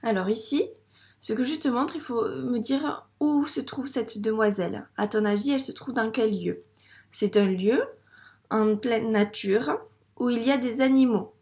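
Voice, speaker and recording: A woman's voice: a little high, unhurried, a little mellow, roomy sound. A woman teaching first-grade phonics to young children, patiently stretching out sounds and syllables.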